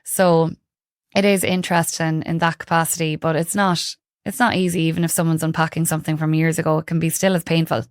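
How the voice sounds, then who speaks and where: This woman, a Galway-accented podcast guest who practises holistic heart healing, talks informally and reflectively in a casual interview, peppering her speech with "like" and "you know". Her low voice is flat and fairly quick, captured with clean studio sound and no room sound.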